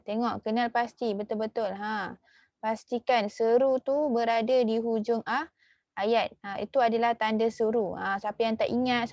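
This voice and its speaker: A woman with a Malaysian Malay accent teaching a lesson, filling her talk with "okey" and "ha" and repeating key words slowly. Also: a little high, darkish tone, no echo, lo-fi sound. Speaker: religious school teacher. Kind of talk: online class lesson.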